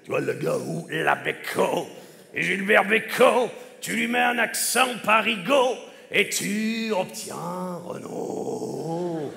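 A man's voice: sits high, big pitch swings, takes it slowly, creaky, bright, forceful tone, a little hiss or hum. Man hopping through celebrity impressions on stage. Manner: jumps between many celebrity impressions, singing bits. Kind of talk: stage comedy sketch of rapid voice impressions. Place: large theatre stage. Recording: hall reverb with live audience.

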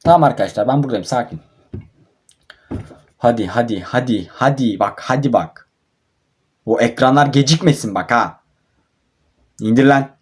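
A man's voice: medium pitch, moderate pace, pauses often. A young man commentating his own mobile football match, frustrated and swearing at his players. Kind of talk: live gameplay commentary.

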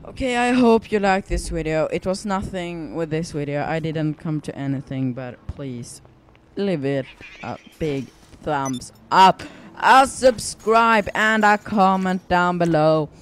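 A young Swedish gaming YouTuber with a Swedish accent rambles through casual gameplay commentary, full of fillers and restarts. His voice is fairly high and bright, measured in pace with hardly any pauses, and there's slight background noise.

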